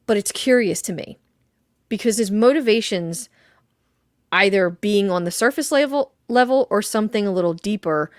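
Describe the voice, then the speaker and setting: A woman co-hosting a casual podcast, talking things through in a thoughtful, easygoing way with the odd laugh and curse. Her voice sits at a middle pitch. The recording is close and dry, with no room sound. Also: normal speed, no room sound. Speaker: podcast co-host. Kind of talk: casual chat analyzing a video game. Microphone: desk mic.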